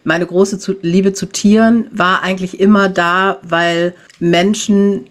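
A woman's voice: medium pitch, fairly even intonation, slow pace. A woman in her fifties, a podcast guest who talks in a chatty way and often tags her sentences with a questioning "ne?". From Germany, raised in the Netherlands. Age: 50s. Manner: chatty, warm-hearted, lots of "ne?" tags. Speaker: podcast guest, animal communication teacher. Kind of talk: casual podcast interview.

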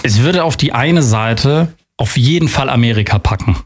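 A man's voice: mid-range voice, lively intonation, moderate pace, breathy edge. A man on a casual podcast, guessing quiz answers by thinking aloud in a playful, chatty way. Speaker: quiz contestant and co-host.

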